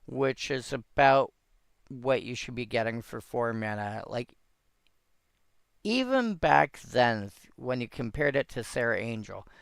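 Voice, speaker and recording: A man talks slowly, with a gravelly edge under a smooth, resonant voice. He thinks aloud in a rambling way, often restarting his sentences. The sound is dry and close. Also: medium pitch, dry recording. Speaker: host reviewing old game cards. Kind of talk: casual solo commentary.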